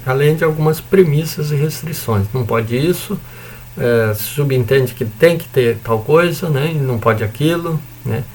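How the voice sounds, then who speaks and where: A man with a Brazilian accent teaches in a loose, conversational lecture, checking in with his listeners and tossing in mild swearing. His voice has a gravelly edge to it. A faint hiss of noise sits under the recording. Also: medium pitch, moderate pace, darkish tone. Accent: Brazilian Portuguese. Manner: casual, chatty explaining with frequent "né?" and "tá?"; mild swearing and joking asides. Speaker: university lecturer.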